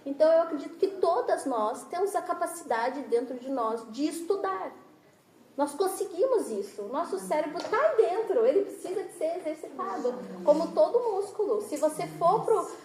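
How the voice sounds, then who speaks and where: A woman's voice: very high voice, expressive, normal speed, darkish tone, roomy sound, a little hiss or hum, poor audio. A woman with a Brazilian Portuguese accent giving a chatty, self-deprecating devotional talk to a church women's group, laughing often as she speaks.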